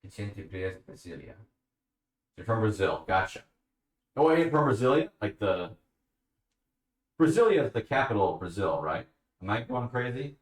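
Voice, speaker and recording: A man's voice: fairly low pitch, sing-song, moderate pace, long pauses, recorded from a distance. A man chatting casually on a live stream, answering questions from his chat. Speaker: livestreamer. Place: at home, bathroom with a bathtub. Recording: echoey room, away from the mic.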